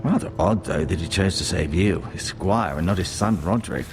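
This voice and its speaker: An actor playing a solemn older male maester and healer in a video game, speaking in a measured, advising way. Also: low-pitched. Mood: probing. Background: game music.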